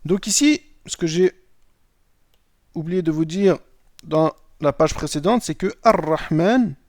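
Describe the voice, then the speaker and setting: A man's voice: a little high, lively intonation, measured pace, dry recording. Man teaching a lesson in a dry close voice. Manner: checks in with "d'accord?" often. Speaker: Arabic teacher. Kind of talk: explaining a lesson.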